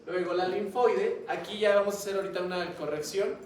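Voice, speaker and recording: A man's voice: high voice, steady tone, fairly quick. A man giving a classroom lecture, chatty and always asking the students questions. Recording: echoey classroom, mic far off, noisy.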